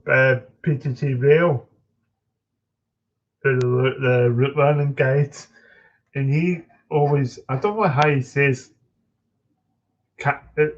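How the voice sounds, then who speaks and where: A Scottish man talks to his viewers in an unhurried, halting way, filling pauses with ums and breaking off to start again. His voice sits at an ordinary middle pitch. The stream audio sounds muffled and lo-fi. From Scotland. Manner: halting, with frequent ums and restarts. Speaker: live streamer answering chat. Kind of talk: casual live-stream chat.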